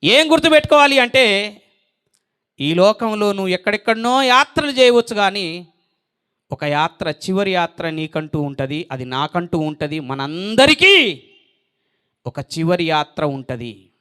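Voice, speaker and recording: High, bright-voiced Telangana preacher. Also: male voice, animated, unhurried, smooth. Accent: Telangana Telugu. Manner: emphatic rhetorical questions, repeated phrases. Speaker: evangelist preacher. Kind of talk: sermon.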